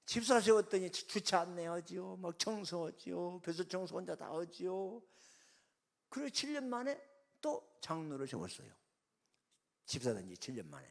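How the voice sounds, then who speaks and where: A man's voice: high-pitched, sing-song, moderate pace, gravelly. A middle-aged male pastor telling a story in a revival sermon, acting out the voices of the people he quotes.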